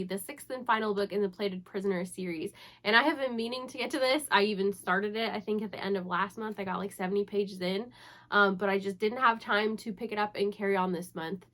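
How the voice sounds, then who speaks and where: Her voice stuffy with flu, a young woman chats to camera about what she plans to read, cheerful and poking fun at herself. She speaks fairly quickly in a medium, slightly bright voice.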